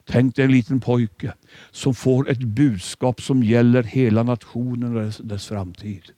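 A man's voice: medium pitch, steady tone, mellow, dry recording, clean studio sound. A man preaching a sermon, dramatic and emphatic, sometimes stumbling over repeated words. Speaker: pastor.

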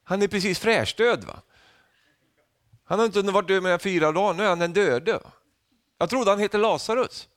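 Lively, joking preacher man. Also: high-pitched, long pauses, dry recording, studio quality. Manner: lively, humorous preaching with frequent "va?" tags; rises to loud calls when quoting Jesus. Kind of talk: sermon.

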